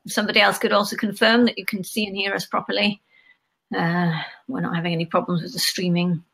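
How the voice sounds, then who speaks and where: Bright, gravelly woman hosting a livestream. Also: medium pitch, level tone, fast, poor audio. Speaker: livestream host.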